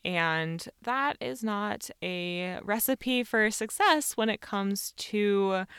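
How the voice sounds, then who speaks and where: A young woman speaks from inside a small closet, her voice smooth and on the lower side for a woman. The sound is dry and close, with no room echo. She gives earnest advice in a chatty, casual way, full of filler words. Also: a bit bright. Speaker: self-help video host. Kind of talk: casual advice talk to camera.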